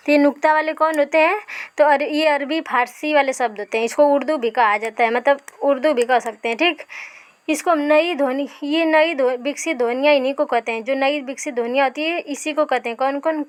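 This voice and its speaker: A woman teacher giving an exam revision lesson. She asks her own questions, answers them, and keeps checking in with "ठीक है". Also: high voice.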